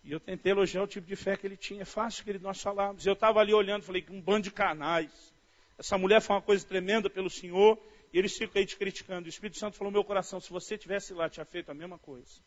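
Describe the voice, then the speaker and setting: A high-pitched man with a Brazilian Portuguese accent preaches in an animated storytelling style. He talks to his listeners warmly as "dear". The recording sounds dull and lo-fi. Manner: storytelling, animated, often says "querido". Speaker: pastor. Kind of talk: sermon. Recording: dull lo-fi audio.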